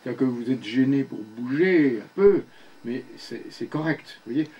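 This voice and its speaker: A man's voice: medium pitch, animated, normal speed, dark tone, breathy edge, lo-fi sound. An older man leading a one-on-one speech therapy session, patiently giving short commands and checking that his pupil follows. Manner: patient, gives short spoken commands, often asks "you see?".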